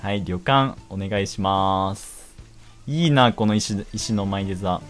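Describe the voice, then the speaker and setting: A young man giving casual, jokey commentary while playing a game, quick to exclaim and laugh. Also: lowish voice, soft background music.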